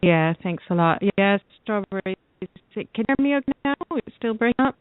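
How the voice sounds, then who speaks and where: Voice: mid-range voice, expressive, brisk, no echo. Caller, breaking-up call line, tinny dry phone sound, casual chat. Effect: call line breaking up, choppy signal.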